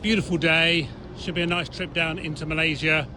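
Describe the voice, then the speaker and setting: A man's voice: on the high side, fairly even intonation, brisk. A man giving a casual travel vlog update as a pilot on the move. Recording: very noisy vehicle and outdoor background.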